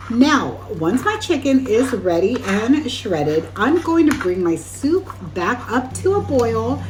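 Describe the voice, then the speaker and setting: Against a noisy background, a woman from Guam with a mid-range voice hosts a home cooking show. She narrates a recipe in a chatty, instructional way, talking right to her viewers.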